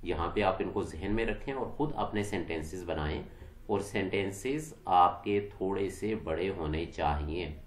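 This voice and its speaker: Deep-voiced teacher in an echoey room. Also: male voice, measured pace. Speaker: English teacher. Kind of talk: exam-prep lesson explaining an English textbook unit.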